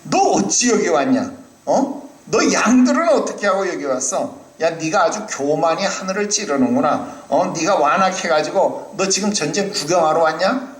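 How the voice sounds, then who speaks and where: A man doing a gruff, scornful older brother. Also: a little high, lively intonation, normal speed, roomy sound, natural voice. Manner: gruff, mocking scolding.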